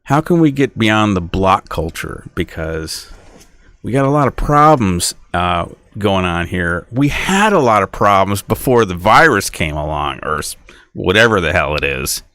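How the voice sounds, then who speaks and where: Lively-voiced man ranting on a podcast. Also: low-pitched, measured pace, no echo. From United States. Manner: rambling, indignant, acts out imagined dialogues in raised voice. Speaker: podcast host. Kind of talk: casual monologue.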